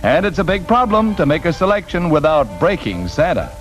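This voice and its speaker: A man doing brisk, upbeat 1940s newsreel narration. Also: fairly high pitch, very animated. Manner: brisk, upbeat announcer delivery. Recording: old newsreel soundtrack with loud music.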